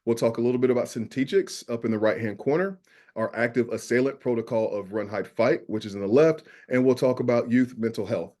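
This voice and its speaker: A man from New York with a Southern drawl, a school safety specialist presenting a webinar, earnest and filling pauses with "uh". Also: mid-range voice, a little mellow. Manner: earnest, many "uh" fillers.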